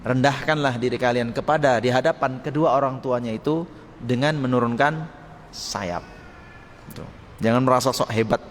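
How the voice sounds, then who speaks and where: A man teaching a mosque study circle. He talks in a lively way, acts out short quoted lines and chuckles often. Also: mid-range voice, moderate pace, pauses often. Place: mosque hall. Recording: long hall reverb with faint noise.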